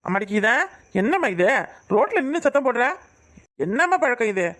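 A woman's voice: a little high, sing-song, moderate pace. A woman with a Kanyakumari Tamil accent voicing a stingy but kindly old village father-in-law in a cartoon, grumbling and mildly scolding. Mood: gently scolding. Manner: grumbling, then gently scolding. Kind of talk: cartoon voice acting.

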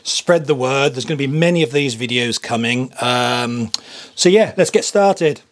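A middle-aged man giving a relaxed paragliding lesson step by step on an open hillside, wearing a clip-on mic. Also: mid-range voice, a little slow, dry recording. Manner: relaxed, chatty, explains step by step. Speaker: paragliding instructor. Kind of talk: outdoor tutorial. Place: open grassy hillside outdoors.

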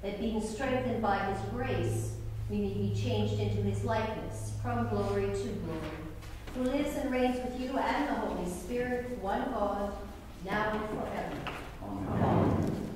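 Woman officiant reciting a measured prayer from afar in a large church, with long cathedral echo. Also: medium pitch, lively intonation. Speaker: officiant leading worship. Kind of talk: liturgical prayer. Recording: long cathedral reverb, distant mic, background noise.

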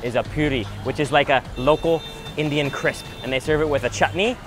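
A young man from Canada films himself eating, slightly high in pitch. He gasps and exclaims over each bite. Music plays under him the whole time. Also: fairly quick. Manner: excited, breathy exclamations while eating. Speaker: food vlogger. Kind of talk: on-camera food tasting. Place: outdoors at street stalls and in a restaurant.

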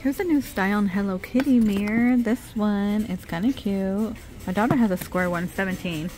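A woman's voice: medium pitch, normal speed, darkish tone, soft background music. A middle-aged woman narrating a casual shop-with-me vlog in a department store, reading out product names and prices as she browses. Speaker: shopping vlogger. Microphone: handheld phone camera.

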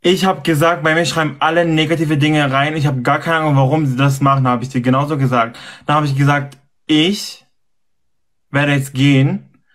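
A man's voice: on the high side, steady tone, normal speed, fairly bright tone. Defensive man arguing his side. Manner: defensive, insistent, repeats himself. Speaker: streamer in a live dispute. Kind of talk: heated argument.

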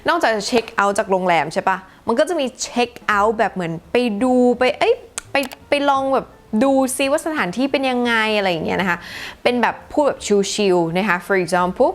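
A woman's voice: medium pitch, animated, moderate pace. A woman hosting a casual English lesson podcast, talking in an easygoing, chatty way and dropping in example sentences. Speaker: English teacher.

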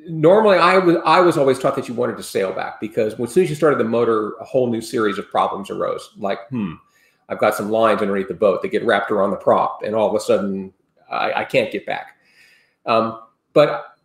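Speaking from an indoor room at home over a webcam, a sailing expert in his sixties walks through safety steps as an interview guest. His gravelly, medium-pitched voice rambles earnestly with many restarts, and the video call audio is roomy.

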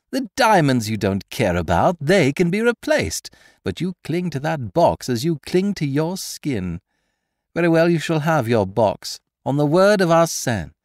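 Putting on the character of a cocky gentleman thief, a male audiobook narrator pitches his voice well above his natural one, going loud, brisk and mocking with lively swoops. His storybook scheme comes across as gleeful and taunting, and the sound is close and dry with no room sound.

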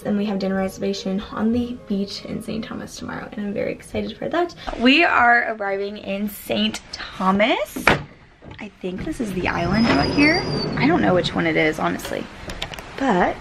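A woman's voice: medium pitch, creaky. A woman in her twenties chatting casually to a handheld camera while vlogging her trip, with lots of fillers. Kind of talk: casual travel vlog. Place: cruise ship cabin and outdoors. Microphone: handheld camera at arm's length.

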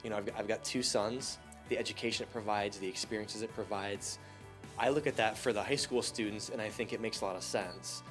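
A man's voice: lowish voice, fairly even intonation, fairly quick, fairly bright tone, faint music behind. A middle-aged man, a school principal and father, speaking earnestly in a video interview.

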